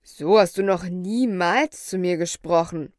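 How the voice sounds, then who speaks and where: An eager, kindly doctor, as a woman reading a storybook puts him on, pitched a little lower than her own voice. He talks earnestly and slowly, with the close, dry sound of the reading. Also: dry recording, close to an everyday voice. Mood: amazed. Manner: earnest, excitable. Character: kindly, eager middle-aged male doctor.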